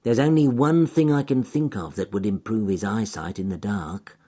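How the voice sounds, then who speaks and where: A man's voice: lowish voice, normal speed, mellow, close to an everyday voice. A man voicing a sneaky, lying weasel in a storybook, talking slyly and hissing through his teeth.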